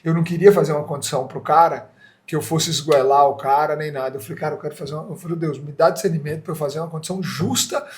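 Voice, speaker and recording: A man's voice: on the high side, very fast. A man with a Brazilian Portuguese accent, an entrepreneur telling a story in a casual interview and acting out the dialogue. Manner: animated, acts out dialogue in quoted voices. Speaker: franchise entrepreneur guest.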